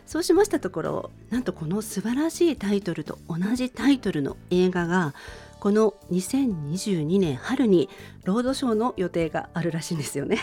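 Over music, a middle-aged radio host politely chats to her listeners while introducing a song. She speaks a little fast in a mid-range, dark-toned voice with big pitch swings.

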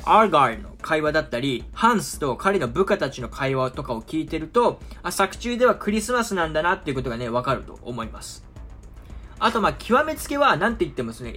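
Male film commentator, chatty and relaxed, voice swinging up and down a lot. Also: a little high. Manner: chatty, often drawn-out asides and filler words. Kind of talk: casual explanatory talk to viewers.

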